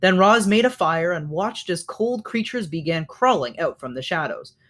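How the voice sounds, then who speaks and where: Reader, children's novel read aloud, pauses to fix slips. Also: mid-range voice, expressive, fairly bright tone. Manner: stops to correct slips.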